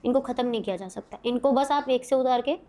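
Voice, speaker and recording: A woman with a fairly high voice tells a podcast host a ghost story in short, vivid bursts. She talks casually and builds suspense line by line. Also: quick pace, dark tone. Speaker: podcast guest.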